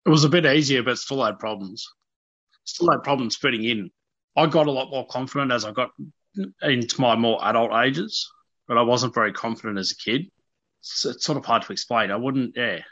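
A man's voice: mid-range voice, fairly quick, fairly bright tone, no echo. An Australian man in his early thirties speaking candidly as an interview guest, in an informal, hesitant and self-deprecating way. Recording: dull, lo-fi radio audio.

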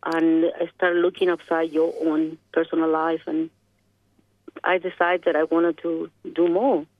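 A Chilean woman interviewed by telephone speaks in a low, level, unhurried voice, reflecting and searching for words in her Chilean Spanish accent. The line is dry and tinny.

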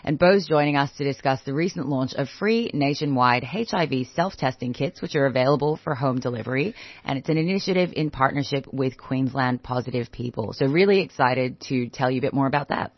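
A man with an Australian accent hosting a community radio breakfast show, his voice hoarse and croaky from yelling, chatting casually with fillers. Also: mid-range voice, a little fast, few pauses, no room sound, lo-fi sound.

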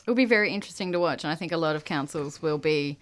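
Low-voiced Australian woman radio guest. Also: fast. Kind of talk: casual radio chat.

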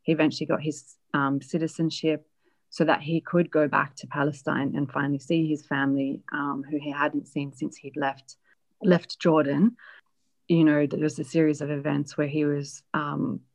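A woman being interviewed, reflectively telling a personal family story with many pauses and fillers. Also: deep voice, little pitch movement. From Australia. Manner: reflective, hesitant with frequent fillers.

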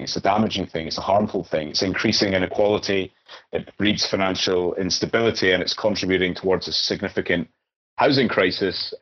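Interview guest: Scottish man, deep register, earnest explainer with halting phrasing, slightly muffled sound. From Scotland. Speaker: interview guest, economics researcher. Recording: dull, muffled lo-fi audio.

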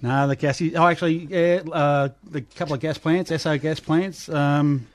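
A man with an Australian accent giving a casual, slightly halting update as a union organiser on the radio. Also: fairly high pitch, fairly even intonation, no echo.

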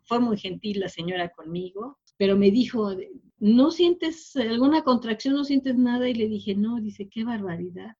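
A woman, recounting a personal experience in an interview with emotional, searching speech and frequent fillers. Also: mid-range voice. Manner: warm, emotional, many fillers. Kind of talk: personal storytelling. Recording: slightly dull lo-fi audio.

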